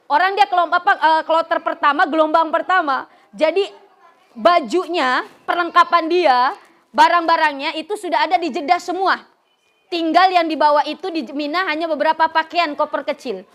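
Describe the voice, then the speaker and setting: A middle-aged woman preacher from West Java giving a humorous religious lecture, telling stories lively and laughing often. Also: very high-pitched. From West Java, Indonesia. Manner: lively storytelling, acting out characters, frequent laughter. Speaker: female Islamic preacher.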